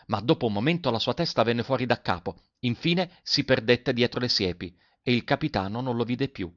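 A man reading a story aloud as a narrator, expressive and building tension in the action scenes. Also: mid-range voice, fairly quick, no echo. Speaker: audiobook narrator. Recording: dull, dry lo-fi recording.

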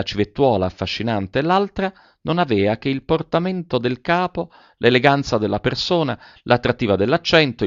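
A man with a low voice reads a classic novel aloud in a measured, literary manner. The sound is dry and close, with a dull lo-fi quality. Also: dry recording. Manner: measured, even literary reading. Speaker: narrator. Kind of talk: audiobook narration. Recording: dull lo-fi recording.

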